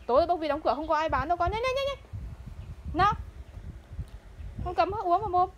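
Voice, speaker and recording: A woman's voice: very high-pitched, animated, fast, fairly bright tone, a little hiss or hum. A mother at home, urging and scolding her child again and again to hurry. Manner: urgent, repetitive coaxing and scolding. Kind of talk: home video, coaxing a child. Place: home, indoors.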